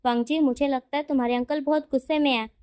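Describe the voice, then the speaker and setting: Woman doing an excitable young man, bubbly, playful, high voice. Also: quick pace, lightly acted. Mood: excited.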